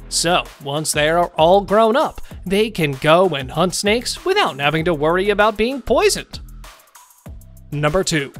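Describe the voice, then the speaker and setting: A narrator voices a scripted countdown video in a middle register, and the pitch leaps up and down all the way through. The delivery has a sing-song lilt, and faint music plays behind it. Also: a bit bright.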